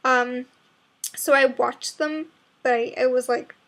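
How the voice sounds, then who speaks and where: Sleepy high-voiced young woman vlogger. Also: fairly even intonation, slow, fairly bright tone. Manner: rambling, drowsy, mumbling. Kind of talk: casual chat to camera.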